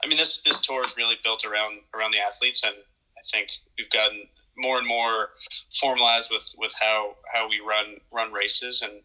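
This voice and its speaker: A man in his thirties, a pro ski racer, telling stories in a relaxed casual way on a home video call, often repeating words. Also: lowish voice, moderate pace, poor audio. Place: small room at home. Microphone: video call webcam.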